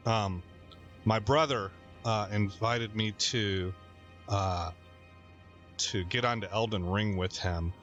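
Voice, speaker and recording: A man with a fairly low voice talks his way through a game run in a loose, rambling way, chatting to his viewers as he plays. He often breaks into laughter at his own stories. Faint game music sits behind his voice. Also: takes it slowly, pauses often, fairly bright tone, highs cut off. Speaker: gaming channel host. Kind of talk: casual game commentary.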